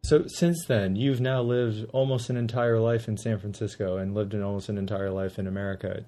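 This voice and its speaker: A man interviewing a survivor, asking long, measured, formal questions. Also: on the low side, steady tone, dark tone.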